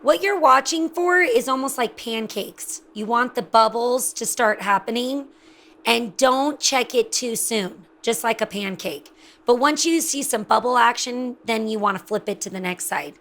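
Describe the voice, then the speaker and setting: A woman's voice: fairly high pitch, a little slow, fairly bright tone. A woman hosting a home cooking show, chatting enthusiastically as she demonstrates a recipe. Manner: chatty and enthusiastic, exclaims over the food.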